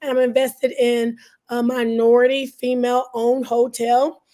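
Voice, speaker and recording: High, hoarse-voiced woman guest. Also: level tone, unhurried, warm tone. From Southern US, Alabama and Georgia. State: slightly hoarse, scratchy voice. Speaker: guest, entrepreneur. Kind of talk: interview answers.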